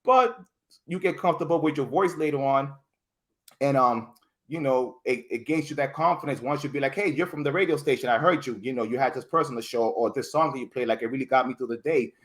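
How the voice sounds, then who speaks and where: A man with a medium-pitched voice talks a little fast as a guest on a podcast, meandering through anecdotes full of fillers and words he starts over. He tells them with animation, acting out what others said in quotes.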